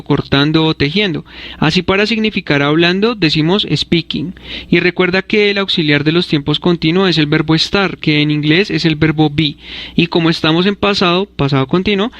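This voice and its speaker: Hombre con voz algo aguda, explicación clara. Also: male voice, a little high, fairly bright tone, no echo, dull audio. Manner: clear, measured explanations, spells out letters. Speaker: English teacher. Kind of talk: scripted grammar lesson narration.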